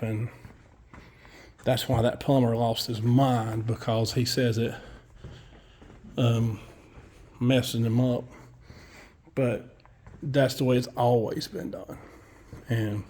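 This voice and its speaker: A man's voice: medium pitch, darkish tone, a little hiss or hum. A man, a construction worker giving a casual walkthrough of a building site, blunt and profane as he tells his story.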